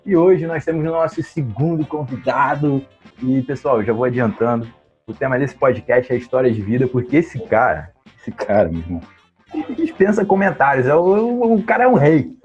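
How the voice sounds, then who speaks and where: Male podcast host, slangy and effusive, raspy, muffled audio with music underneath. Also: mid-range voice, animated, normal speed, a little mellow. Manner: slangy, effusive, repeats phrases for emphasis. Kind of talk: hyped casual podcast intro and chat.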